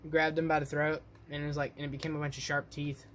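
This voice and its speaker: A man's voice: fairly high pitch, flat delivery, fast, fairly bright tone, slight background noise. A man casually reacting to a video, talking loosely with lots of fillers as he rambles through his thoughts.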